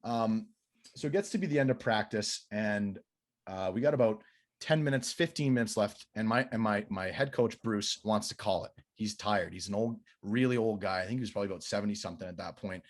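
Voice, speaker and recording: A man, a goalie coach telling a story as a podcast guest, animated and swearing freely, his voice rising when he acts out quotes. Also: on the low side, brisk.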